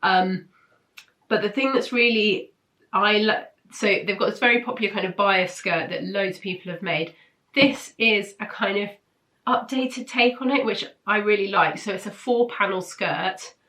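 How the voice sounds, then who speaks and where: Speaking at medium pitch and normal speed, her delivery pushed and bright, a British woman reviews sewing patterns for her weekly roundup in a casual vlog to camera. A bout of flu and a blocked nose make her nasal and congested, yet she stays chatty and enthusiastic.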